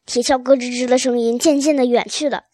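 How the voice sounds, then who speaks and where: A woman reads a children's storybook aloud, stumbling and restarting now and then. Her voice is high, and the recording is dry and close, with no room sound. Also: steady tone, a little fast, mellow, no room sound. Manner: reads with occasional slips and restarts.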